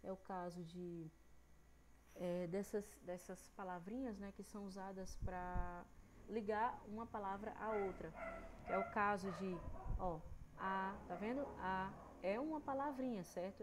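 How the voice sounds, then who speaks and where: A woman's voice: medium pitch, fairly even intonation, noisy background. A Brazilian woman teaching an online grammar lesson to young children, stretching out syllables patiently and checking in often with the class. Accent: Brazilian Portuguese. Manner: patient, drawn-out syllables, frequent "né?" and "certo?" checks. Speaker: primary school teacher.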